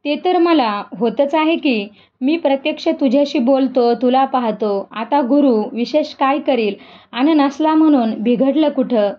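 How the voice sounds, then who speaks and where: A woman's voice: sits high, measured pace, dull audio. A woman voicing a young male devotee, emotional and tearful, pleading and asking questions.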